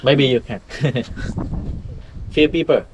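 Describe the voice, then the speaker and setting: Outdoors at ancient temple ruins, a native Vietnamese-speaking man with a Vietnamese accent guides visitors in simple, broken English, joking and chuckling often. His mid-range voice is slow, and the recording has background noise with the highs cut off.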